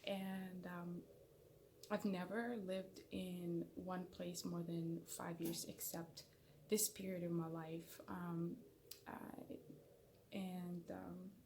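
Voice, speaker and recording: Her voice sits lowish and dark, her delivery flat and slow, with a faint hiss or hum behind it. She is a young Somali channel host chatting casually to a camera placed in front, head-and-shoulders framing, in a small indoor room, rambling and self-conscious and full of fillers and restarts.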